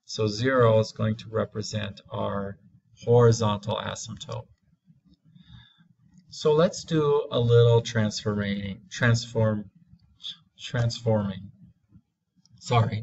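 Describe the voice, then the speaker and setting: A man teaching a math lesson, walking through graphs slowly and deliberately, stretching key words for emphasis. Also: mid-range voice, creaky, dull audio.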